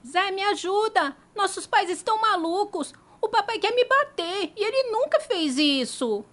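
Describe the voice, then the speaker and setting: A woman's voice: very high voice, lively intonation, moderate pace, a bit bright. A woman voicing a frightened, pleading little boy in a cartoon story. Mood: desperate.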